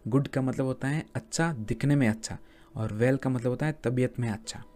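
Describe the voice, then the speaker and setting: A man teaching spoken English, who calls his viewers friends and says each English sentence slowly twice. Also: medium pitch, a little mellow.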